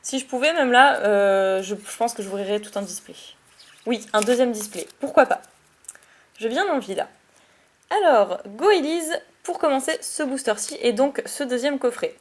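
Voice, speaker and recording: A woman chatting excitedly while opening trading card packs, giggly and quick to correct herself. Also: fairly high pitch. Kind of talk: casual card-opening vlog.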